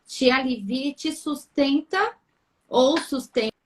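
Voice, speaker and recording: A woman whose voice sits high speaks slowly while co-hosting a live Q&A chat as a therapist. She explores each topic through a series of probing, reflective questions.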